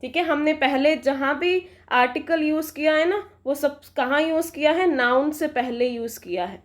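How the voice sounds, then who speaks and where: High-voiced woman teaching grammar. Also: moderate pace. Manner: checks understanding with frequent questions. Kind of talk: classroom explanation.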